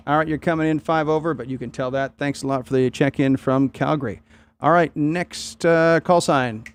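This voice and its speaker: A man's voice: on the high side, normal speed, smooth. A man casually running an amateur radio net, taking check-ins with phonetic call signs.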